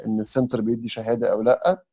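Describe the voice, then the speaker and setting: A man's voice: medium pitch, level tone, racing, mellow, husky. A young Egyptian man with an Egyptian Arabic accent, a podcast guest explaining advice step by step in a casual chat. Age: young adult. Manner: explains step by step, sprinkles English terms.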